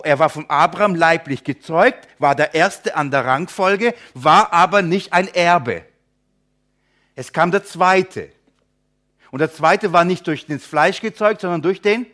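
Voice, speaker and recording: A male pastor works through a Bible passage verse by verse, in a slightly higher-than-usual voice. He keeps throwing rhetorical questions at his listeners and now and then acts out imagined objectors. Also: a bit bright. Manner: rhetorical questions to listeners, addresses them as friends.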